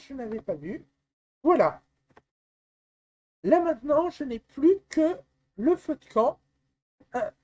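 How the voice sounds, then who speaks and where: Slow, high-voiced woman explaining software. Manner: calm, step-by-step explaining with some hesitations. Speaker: software tutorial presenter. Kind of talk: screen-recorded software tutorial.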